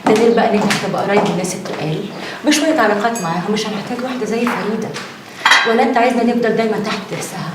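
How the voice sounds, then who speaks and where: Fields: Accent: Egyptian. Figure: an actress playing a pushy scheming daughter. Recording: echoey. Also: female voice, mid-range voice, rapid-fire, heavy background noise, close to an everyday voice. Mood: persuasive. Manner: persuasive, insistent. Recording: echoey, distant.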